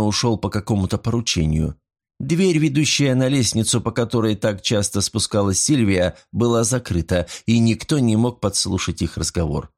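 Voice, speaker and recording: Low-voiced male audiobook narrator. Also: a little mellow.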